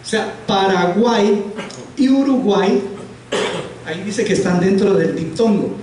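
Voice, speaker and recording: A man with a high, unhurried voice and a darkish tone teaches a grammar lesson in a classroom inside a house of prayer. He patiently asks the class questions and repeats their answers. The room is very echoey, he sounds distant from the mic, and there's a faint hiss.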